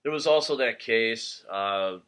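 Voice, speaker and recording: A man's voice: mid-range voice, expressive, measured pace, fairly bright tone, smooth. A man hosting a movie review channel, chatting casually and laughing easily, recorded on a laptop microphone.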